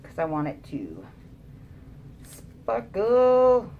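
A woman's voice: sits low, measured pace, a little hiss or hum. A woman casually narrating a craft tutorial, her voice muffled by a mask over her mouth. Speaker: resin craft demonstrator.

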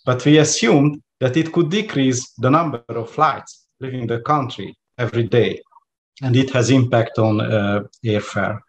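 A man's voice: mid-range voice, measured pace, dull audio. A man in his forties from Hungary with a Hungarian accent, speaking as an interview guest over a video call, hesitant with many fillers and restarts. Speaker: guest lecturer. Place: home room with plants. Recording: faint background noise on video call.

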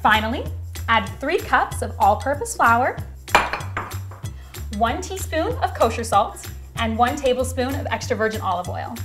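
A woman's voice: on the high side, lively intonation, measured pace, over music. A young woman co-hosting a comedic cooking show in a home kitchen, giving instructions in a polished presenter manner. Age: young adult. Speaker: co-host.

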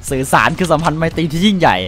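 A gaming streamer with a fairly high voice talks rapid-fire while playing a shooter, with faint music behind him. His commentary is casual, crude, and excitable, full of joking banter, and he sings and cracks jokes mid-fight.

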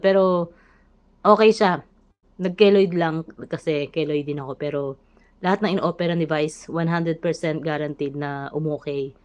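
Woman, Filipino accent, low pitch, short of breath, strained voice, casual live vlog chat. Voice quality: voice strained after thyroid surgery. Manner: chatty, frequent fillers and restarts. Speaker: vlogger.

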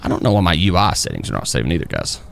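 A man chatting casually as a live game streamer, folksy and excitable as he talks to his viewers and buddies. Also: deep voice, very fast, vocal fry, soft background music. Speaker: streamer and police role-play host. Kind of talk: casual live stream chat while playing.

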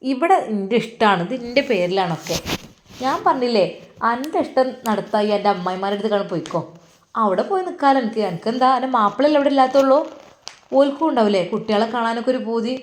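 A woman's voice: fairly high pitch, expressive, quick pace, slight background noise, lightly acted. A woman voicing a harsh scolding mother. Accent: Malappuram Malayalam. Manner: harsh, dismissive. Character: stern scolding middle-aged mother.

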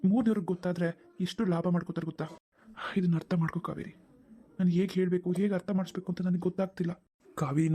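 Young husband in a cartoon drama begging his wife to listen, quick earnest talk, kinda breathy. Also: high voice, dark tone. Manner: earnest, pleading, talking to himself. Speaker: cartoon character. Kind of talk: animated drama voice acting.

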